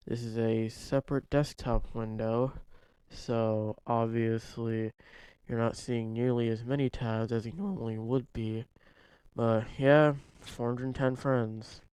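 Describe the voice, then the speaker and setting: Tired monotone young man, very slow. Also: smooth, no echo. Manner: low-energy, rambling, monotone. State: tired late at night. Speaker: gaming vlogger. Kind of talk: casual screen-recorded gaming commentary. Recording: loud music underneath.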